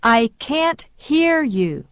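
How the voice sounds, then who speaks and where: A woman slowly and deliberately repeating short phrases for learners in a language lesson. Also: sits high, big pitch swings, a bit bright, clear, resonant tone, no echo. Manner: very slow, deliberate delivery. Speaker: phrase reader. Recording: dull lo-fi dry sound.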